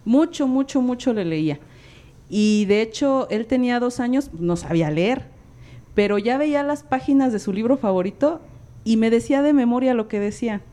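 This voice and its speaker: A woman's voice: fairly high pitch, moderate pace. A woman with a Mexican accent, a former librarian, chatting as a guest and acting out the dialogue in her stories. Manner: lively storytelling, acts out quoted dialogue. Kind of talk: casual chat.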